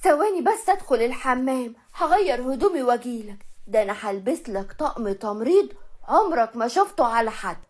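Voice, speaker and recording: A woman voicing a brash, teasing young peasant bride with an Egyptian accent and a loud, singsong manner. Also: on the high side, animated, fairly quick.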